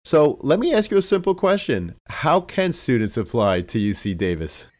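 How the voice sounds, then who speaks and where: A man's voice: medium pitch, sing-song, normal speed, darkish tone. A man hosting a podcast interview, asking questions in a formal, complimentary way. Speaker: podcast host.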